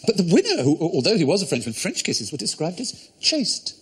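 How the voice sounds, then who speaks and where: A man's voice: high-pitched, wildly swooping pitch, brisk, breathy edge. A man hosting a comedy quiz show in a studio, erudite and playful, relishing his words. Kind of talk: witty panel show hosting. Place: TV studio with audience.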